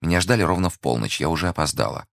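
A secretive young woman, read by a deep-voiced man in a quiet, urgent tone. The deep gravelly voice stays soft and close, with no room sound. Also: expressive, very fast, no room sound. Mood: guarded. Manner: hushed, urgent, guarded.

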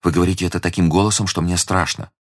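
Male narrator playing a fearful, secretive young woman: hushed, hesitant, quiet, dry booth. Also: deep voice, level tone, racing, dry recording, voice pushed up. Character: young woman, anxious secretive lady in danger.

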